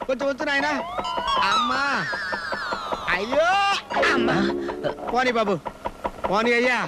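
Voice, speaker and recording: An actor playing an excitable, panicky comic man in a film, wailing and fussing in a high, whiny voice. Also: a little slow, full character voice. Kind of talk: film comedy acting. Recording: film soundtrack with music underneath.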